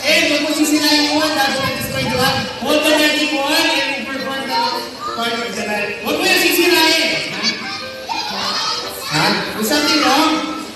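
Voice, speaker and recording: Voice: high voice, brisk, recorded from a distance. A children's magician with a Filipino accent doing playful, exclamatory comedy patter live, coaxing the audience along. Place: large indoor hall at a family event. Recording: echoey large hall, loud music, crowd noise. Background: loud music and a crowd.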